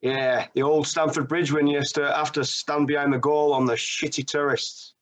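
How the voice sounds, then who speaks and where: A man from Rochdale tells stories in a loose, chatty way, dropping northern slang as he goes. His voice sits a touch higher than the average man's. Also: little pitch movement, moderate pace, fairly bright tone. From England, Rochdale. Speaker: caller, football fan. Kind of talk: casual chat.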